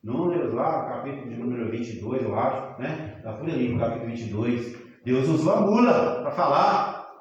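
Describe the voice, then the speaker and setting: A Brazilian man preaching a teaching sermon, talking with the congregation in a conversational way, asking them questions and sometimes rising to a shout. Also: medium pitch, animated, moderate pace, highs cut off. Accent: Brazilian Portuguese. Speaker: pastor. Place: church hall. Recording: very echoey church room.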